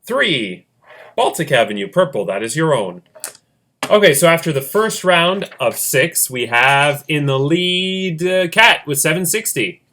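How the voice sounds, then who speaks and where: A man narrates a board-game round play by play in a chatty, joking way. His pitch jumps around a lot as he talks, and his voice has a bright, forceful edge. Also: lively intonation, unhurried, slight background noise. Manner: chatty, jokey asides, laughs often. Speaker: host running a fan game.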